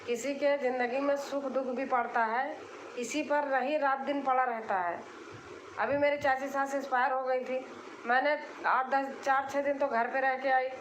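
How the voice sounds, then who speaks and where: A woman's voice: high voice, fairly even intonation, moderate pace, echoey room, slight background noise, rough recording. A woman from Allahabad, hosting a casual live stream and answering comments in an insistent, repetitive way, explaining herself. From Allahabad, India.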